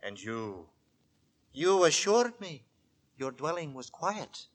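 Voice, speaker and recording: An actor playing a quiet, fanatically pious gentleman lodger in a 1940s radio horror drama, formal and courteous but feverish with scripture. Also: on the high side, sing-song, takes it slowly, exaggerated voice. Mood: softly apologetic. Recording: vintage 1940s radio, music behind.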